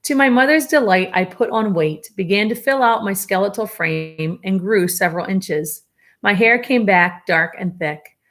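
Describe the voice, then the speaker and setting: A woman with a medium-pitched voice reads a memoir to her students at an even pace. Small slips get corrected, and she tosses in the odd informal remark to the class.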